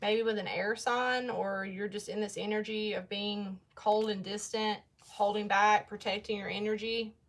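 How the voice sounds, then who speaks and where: A woman's voice: mid-range voice, steady tone, moderate pace, hardly any pauses. A young woman giving a casual tarot reading, chatty and blunt, talking straight to her viewers. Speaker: tarot reader.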